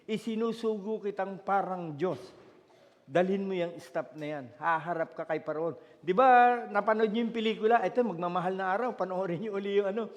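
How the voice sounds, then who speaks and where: A Filipino man preaching a sermon as pastor, searching aloud for words and rising to shouted declarations. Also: sits high. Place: church hall. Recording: long church hall reverb.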